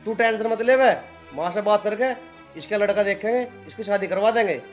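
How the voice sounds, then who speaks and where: Actor as a curt adult son, fairly high voice. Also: male voice, a little fast, muffled recording, soft background music, natural voice. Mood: dismissive. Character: grown son of the house, dismissive.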